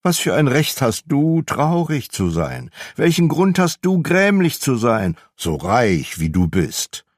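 A man voicing a cheerful, warm-hearted young man speaking with bright, friendly pleading. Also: deep voice, very animated, slow pace, hardly any pauses, no room sound, studio quality, heavily acted.

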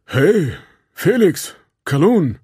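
Man playing a big earnest clumsy guy, kinda husky, storybook. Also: a little high, sing-song, very slow, mellow, dry recording, studio quality, pitched above the performer's own voice, heavily acted. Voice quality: simple, earnest. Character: big clumsy good-natured male wrecker.

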